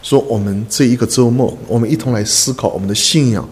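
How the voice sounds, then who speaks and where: A man's voice: medium pitch, darkish tone. Earnest preacher man in an echoey hall. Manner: earnest, repeats phrases, frequent drawn-out "ah" fillers. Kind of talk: sermon.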